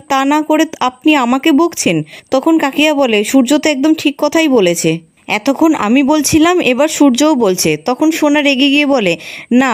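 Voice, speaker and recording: A high-pitched woman tells the story of a TV serial episode as scripted narration. She reads every character's dialogue in her own steady narrating voice.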